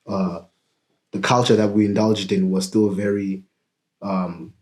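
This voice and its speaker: A man from South Africa explaining things in a casual podcast conversation, talking in halting fragments and leaning on "you know what I mean". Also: sits low, steady tone, darkish tone.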